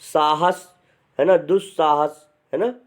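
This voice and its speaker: Brief: male grammar teacher, slightly high-pitched, chatty and deliberate. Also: fairly even intonation. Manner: chatty, repeats "है ना" often; dictates word forms slowly and deliberately. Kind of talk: online class lecture.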